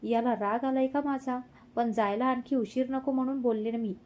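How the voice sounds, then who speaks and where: A woman voicing a shy young wife who is quickly flustered and pouting, in a mellow, fairly high voice. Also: fairly even intonation, close to an everyday voice. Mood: worried.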